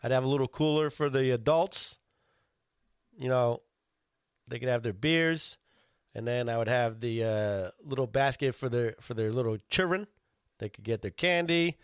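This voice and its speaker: A middle-aged man hosting a solo podcast, telling stories with lots of swearing and big animated swings. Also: medium pitch, moderate pace, clear, resonant tone, no room sound, studio quality. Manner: profane, animated storytelling with frequent swearing. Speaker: podcast host.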